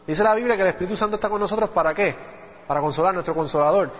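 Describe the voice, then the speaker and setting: High-voiced preacher in a reverberant hall. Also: male voice, racing. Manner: conversational Bible teaching, asks the congregation "¿viste?". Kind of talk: sermon. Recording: dull audio with long hall reverb.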